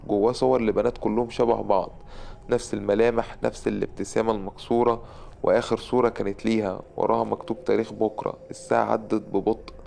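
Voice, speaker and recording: A man with an Egyptian accent narrates a scripted horror tale. His voice is deeply gravelly and on the low side. He moves through the story at a brisk clip. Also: a little mellow, slight background noise. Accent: Egyptian Arabic.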